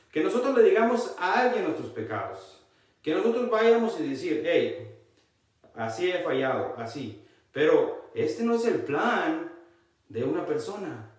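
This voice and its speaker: Reading from the Bible in a sermon, a man speaks unhurriedly while his pitch swings up and down in lively sweeps. He is emphatic, often telling listeners to "look," repeating key lines and reading scripture aloud slowly. The mic sits far from him, making the recording very echoey.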